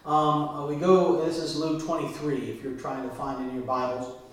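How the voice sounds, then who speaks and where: A man's voice: fairly high pitch, little pitch movement, moderate pace, very echoey, poor audio. A man preaching a sermon to his church, talking conversationally and asking the congregation questions. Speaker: pastor.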